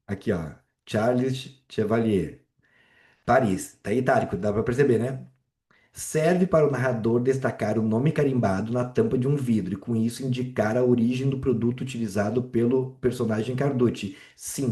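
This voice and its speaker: A man's voice: mid-range voice, darkish tone, roomy sound. Casual male teacher. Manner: casual, checks in with students often. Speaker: Portuguese teacher. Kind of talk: live online exam walkthrough. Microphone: video call.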